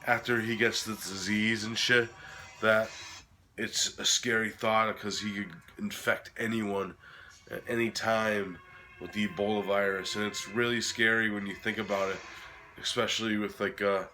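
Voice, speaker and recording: A man hosting a casual film review while sick, his voice cracking, talking in a halting, informal, sweary way. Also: fairly low pitch, level tone, sharp tone, soft background music, poor audio. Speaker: host of a horror film review series.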